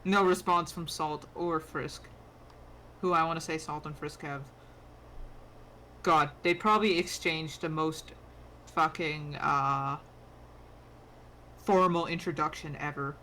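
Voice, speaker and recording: A woman's voice: deep voice, fairly even intonation, slow pace, pauses often, bright, forceful tone, a little hiss or hum, poor audio. A woman acting as game master, casually narrating a tabletop game.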